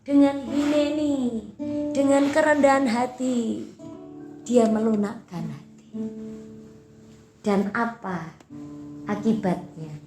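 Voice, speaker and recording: A woman pastor preaching emphatically, swinging between loud and soft, in an echoey church hall with loud guitar behind. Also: a little high, steady tone, takes it slowly, long pauses. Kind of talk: sermon.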